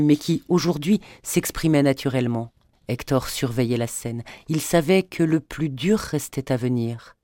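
A man reading a novel aloud in a measured, even storytelling manner. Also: on the high side, no room sound, studio quality. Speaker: audiobook narrator. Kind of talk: scripted narration.

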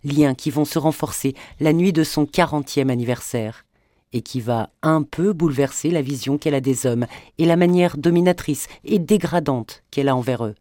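A man reading a novel aloud in a measured, even storytelling manner. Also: a little high, no echo, clean studio sound. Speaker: audiobook narrator. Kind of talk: scripted narration.

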